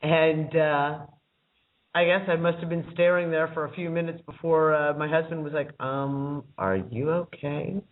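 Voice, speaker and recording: A woman's voice: low voice, steady tone, a little slow. A woman calling in to a casual chat show and telling a rambling story with frequent chuckles. Her voice comes through a thin line that sounds like it is in a tunnel. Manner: rambling, chuckling as she talks. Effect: thin phone-line audio that sounds like a tunnel. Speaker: regular panelist calling in. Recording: distant tinny call-in line.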